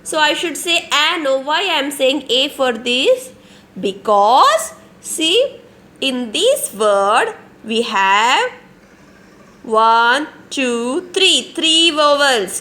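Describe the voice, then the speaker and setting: A young woman with an Indian English accent teaching a phonics lesson online to small children, slow and repetitive, often asking questions and answering them herself. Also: sits high, fairly bright tone, a little hiss or hum. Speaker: kindergarten teacher.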